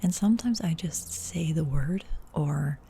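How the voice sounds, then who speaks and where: Low gravelly whispering woman. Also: lively intonation, unhurried, slight background noise. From Netherlands. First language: Dutch. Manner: soft whisper, rambling and chatty with many fillers. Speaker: ASMR YouTuber. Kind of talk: whispered role-play.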